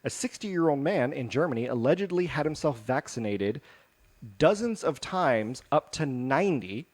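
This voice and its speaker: A man's voice: medium pitch, expressive, moderate pace, a little mellow. A man co-hosting a casual podcast, reading out news stories in a rambling, jokey way with lots of fillers and restarts. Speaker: podcast co-host.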